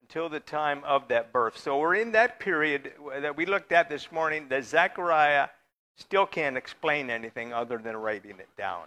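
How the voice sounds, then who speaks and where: A man preaching to his church in a loose, conversational way, now and then joking with the people in the pews. His voice sits a little high and rings bright and forceful. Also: animated, moderate pace. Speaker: pastor. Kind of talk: sermon.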